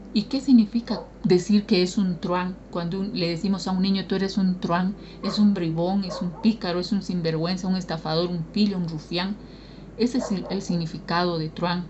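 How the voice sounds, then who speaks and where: A woman's voice: mid-range voice, darkish tone, highs cut off, slight background noise. A woman preacher from Bolivia, giving an earnest sermon and asking the congregation questions.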